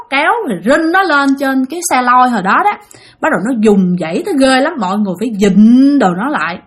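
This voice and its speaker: A woman's voice: on the high side, a bit bright. A woman with a Southern Vietnamese accent telling a ghost story, chatty and speaking straight to her listeners. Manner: chatty, addresses listeners directly.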